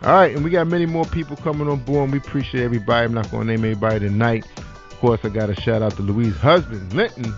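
A man hosting a casual online radio talk show, animated, with lots of shout-outs and "that's right". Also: mid-range voice, fast talker. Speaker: podcast host. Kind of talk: casual internet radio chat. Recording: dull lo-fi sound with faint music.

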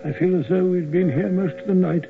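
An actor playing a grumbling, loyal English doctor with a British accent and blustery manner in a radio drama. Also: male voice, high voice, fairly even intonation, fairly quick, vocal fry, over music. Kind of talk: old-time radio acting. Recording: tinny old radio recording.

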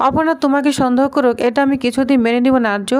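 A firm, scolding mother of grown sons, as a woman narrator reads her. The voice is high and crisp. Her lines are read in a plain recap manner. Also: fairly even intonation, very fast, darkish tone, natural voice.

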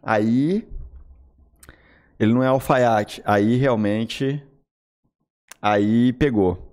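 A young man with a Brazilian accent streaming a horror game live. He is excitable, swears, and yelps and shouts in fright. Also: medium pitch, very slow. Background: game music.

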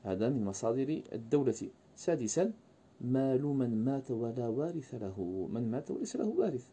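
Dark-voiced man giving a lecture. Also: medium pitch, very animated, normal speed, husky. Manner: fillers and restarts, rhetorical questions to students. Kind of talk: university-style lecture.

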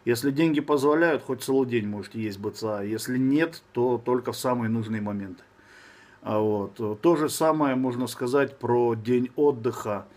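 A man's voice: medium pitch, moderate pace, a little mellow. A man in his thirties with a slushy, lisping s from braces, chatting casually and bluntly as a fitness coach answering viewers on a live stream. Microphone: phone at arm's length.

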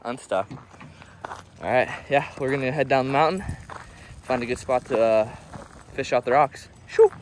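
A man's voice: mid-range voice, moderate pace, long pauses, noisy background. A man narrating a casual vlog in a laid-back, slangy, chatty way. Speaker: vlogger.

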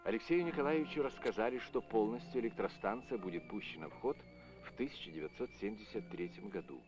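Low-voiced man narrating an old newsreel. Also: lively intonation. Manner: formal, measured official tone. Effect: old Soviet newsreel voice-over. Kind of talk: scripted narration. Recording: dull lo-fi old film soundtrack with music. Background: music.

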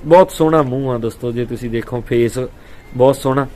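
A man's voice: medium pitch, brisk, a little mellow. A man hosting a dairy farming video, walking viewers around a cow for sale in a friendly, casual way. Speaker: dairy farming vlog host. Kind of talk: casual livestock sale walkthrough. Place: outdoors on a farm.

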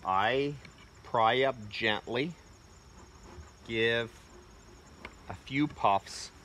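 Extremely slow and medium-pitched, the bright, forceful voice of a man in his forties carries a faint hiss or hum as he demonstrates a how-to for his homesteading vlog. His talk is casual and plainspoken with lots of loose fillers. He's in a wooded bee yard, recorded on a phone held close, with crickets and insects audible around him.

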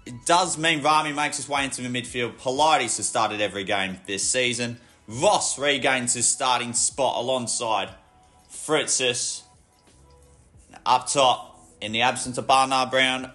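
A man giving football match commentary in measured phrases that lift with the play. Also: mid-range voice, sharp tone. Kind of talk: sports commentary. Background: music.

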